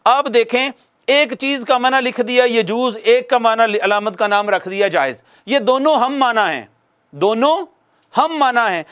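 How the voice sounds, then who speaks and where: High-voiced male recitation teacher. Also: measured pace, a bit bright. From Pakistan. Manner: patient, repeats key phrases for emphasis. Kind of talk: video lesson to viewers.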